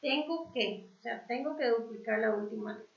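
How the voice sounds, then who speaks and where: Woman teacher, slow, patient explanations with fillers, gravelly, echoey lo-fi sound. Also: fairly high pitch. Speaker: English teacher. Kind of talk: online class review.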